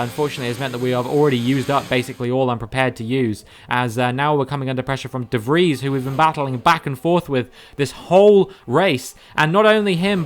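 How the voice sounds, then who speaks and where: A man commentating live on his own racing game, rattling off positions in quick play-by-play and getting louder at crashes. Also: medium pitch, slight background noise. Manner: rapid play-by-play, rises sharply in excitement at incidents. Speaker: gaming YouTuber commentating his own race. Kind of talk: live gameplay race commentary.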